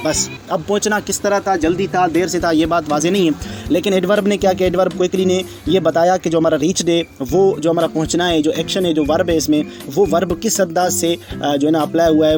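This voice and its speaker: Slow-explaining male grammar teacher. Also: on the high side. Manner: slow, repetitive explaining with fillers and rhetorical questions. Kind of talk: explanatory lesson.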